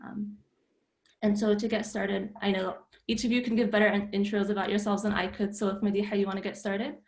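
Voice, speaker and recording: A woman's voice: mid-range voice, little pitch movement, a little fast. A young woman in her twenties hosting an online panel, chatty and hesitant with many fillers, speaking over a video call. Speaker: panel moderator.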